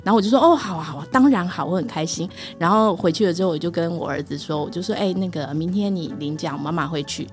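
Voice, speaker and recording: A woman's voice: fairly low pitch, fast talker, hardly any pauses, faint music behind. A middle-aged woman with a Taiwanese Mandarin accent, co-hosting a podcast in casual chat and telling stories with acted-out quotes. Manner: chatty storyteller, acts out quoted dialogue. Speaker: podcast co-host.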